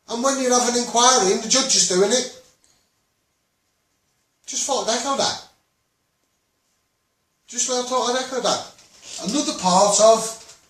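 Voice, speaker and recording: A man with a very high voice and fairly bright tone, speaking in a Scouse accent, campaigns for children's rights in a rambling, blunt, impassioned address to online viewers, repeating himself often. He's recorded from a distance in a very echoey room.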